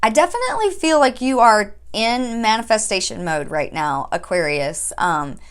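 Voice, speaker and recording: A woman giving a casual spiritual tarot reading, chatty and often checking in with her listeners, with slow, drawn-out calls to spirit guides. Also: on the high side, expressive, clear, resonant tone. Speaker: tarot reader.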